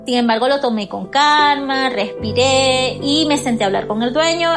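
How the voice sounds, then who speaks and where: High-pitched Venezuelan woman telling her story. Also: moderate pace. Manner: candid, composed storytelling. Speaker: interviewee. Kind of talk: personal testimony. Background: background music.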